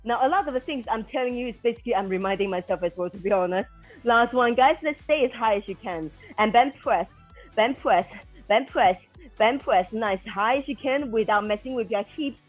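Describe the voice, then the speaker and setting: A woman's voice: on the high side, lively intonation, brisk. A woman working as an aerobics instructor, calling out counts and commands to a floor workout class in an encouraging, motivating way. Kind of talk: counted exercise cueing to a class. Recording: dull lo-fi sound with music behind.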